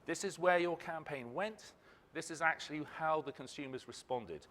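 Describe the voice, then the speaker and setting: A man's voice: a little high, normal speed, a bit bright, a little hiss or hum. Man presenting in a reverberant hall. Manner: rhetorical questions, emphatic phrasing. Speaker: ad technology company speaker. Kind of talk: conference presentation.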